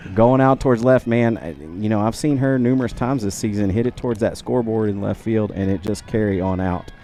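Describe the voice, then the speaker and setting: A man doing enthusiastic, laughing color commentary for a local softball game from an outdoor ballpark. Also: on the low side, steady tone, fairly quick, slight background noise. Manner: enthusiastic cheerleading, frequent laughs.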